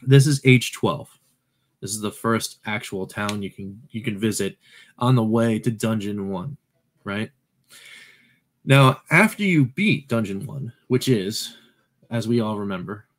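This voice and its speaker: A man's voice: on the low side, a little slow, long pauses. A man hosting a retro game channel, talking casually over his gameplay, rambling and correcting himself with playful asides.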